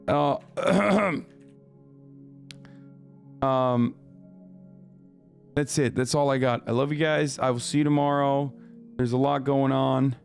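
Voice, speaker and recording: Hoarse, swearing male streamer. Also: mid-range voice, slow, pauses often, soft background music. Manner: frustrated, profane, stammering rants. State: hoarse from screaming. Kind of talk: casual live-stream chat while gaming.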